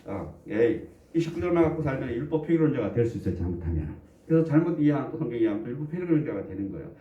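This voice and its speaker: A man's voice: mid-range voice, dark tone, slight background noise. A man preaching a sermon in a conversational way, often putting questions to the congregation and joking between points. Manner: jokes and chuckles between points. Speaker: pastor. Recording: echoey room, distant dull mic.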